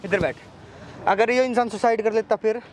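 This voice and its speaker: A man's voice: high-pitched, normal speed, a little hiss or hum. A young man scolding and threatening in a heated confrontation outdoors on a city street. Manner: aggressive, scolding. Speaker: bystander confronting a girl.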